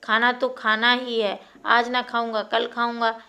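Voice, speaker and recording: A woman's voice: fairly high pitch, little pitch movement, measured pace, sharp tone. A woman voicing a young village man who is hurt and sulky, speaking in curt, bitter replies. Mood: irritated.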